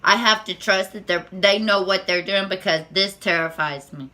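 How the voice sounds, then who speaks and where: This tarot vlogger's voice is squeaky, bright and sharp-edged, with fairly even intonation, as she delivers an unscripted spiritual talk to camera. Her nervous, halting speech keeps circling back through restarts and repeated words.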